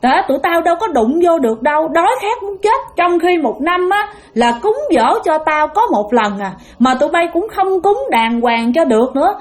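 A woman's voice: high voice, expressive, normal speed. A woman voicing the angry ghost of an old father, scolding in a Southern Vietnamese accent. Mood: furious scolding. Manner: scolding, shouting insults.

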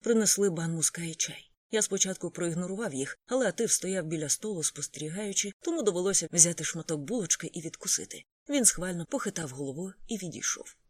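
A steady audiobook reader narrating a first-person story, calm and even in delivery. The voice sits in a middle range, and the recording is dry and close, with no room sound. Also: medium pitch, quick pace, hardly any pauses, dry recording.

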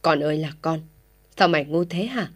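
A woman's voice: low voice, moderate pace. A woman reading an audio story voices a furious, stern old village father who scolds his son harshly. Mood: furious scolding.

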